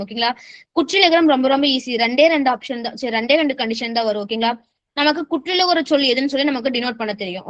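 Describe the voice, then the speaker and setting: A woman's voice: high-pitched, no echo. A woman teaching a grammar lesson. She keeps checking in with her students and mixes English words into her explanations. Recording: dull, slightly muffled sound.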